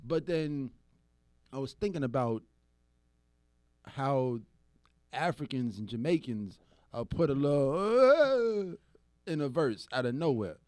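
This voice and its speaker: A man co-hosting a podcast in casual chat, animated and laughing often as he acts out quoted voices. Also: medium pitch, slow, long pauses, dry recording, studio quality. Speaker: podcast co-host.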